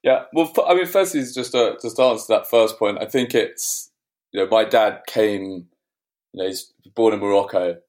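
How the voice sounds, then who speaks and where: A man's voice: on the low side, normal speed, a little mellow. A man who runs a record label, answering interview questions in a casual, rambling way, with frequent restarts and fillers. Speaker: record label owner, guest.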